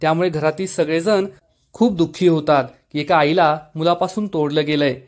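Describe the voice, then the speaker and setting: A man's voice: a little high, steady tone, moderate pace. A man retelling a TV serial episode as a story, speaking every character's lines in his own voice. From Maharashtra, India. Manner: narrates, quoting each character's lines himself.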